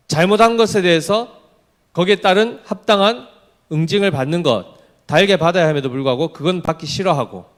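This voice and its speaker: A man preaches a sermon in a conversational way, peppering his talk with questions to the congregation and little acted-out remarks from daily life. His voice sits somewhat high and moves through a wide, animated range. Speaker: pastor.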